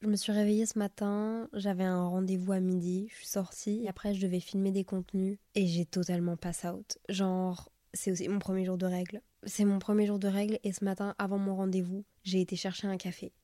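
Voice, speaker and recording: Casting: young female podcast host, sick and nasal, even-pitched, mellow, informal and confiding, close dry sound. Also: fairly quick, few pauses, no echo. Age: young adult. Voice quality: nasal, congested voice. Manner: confiding, informal, sprinkles in English slang. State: sick with a stuffy nose. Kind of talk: casual solo podcast chat.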